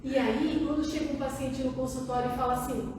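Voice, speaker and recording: Far from the mic in a very echoey large meeting hall with a noisy background, a high-voiced woman speaks a little fast with fairly even intonation. A psychoanalyst with a Brazilian Portuguese accent, she takes audience questions warmly and conversationally, frequently putting questions back to the room.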